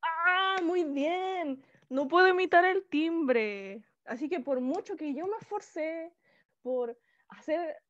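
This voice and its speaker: Shrill-voiced Chilean woman teaching online. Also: no room sound. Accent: Chilean Spanish. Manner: lively, checks in often with the class. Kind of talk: online class lecture. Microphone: video call. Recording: slightly muffled video-call audio.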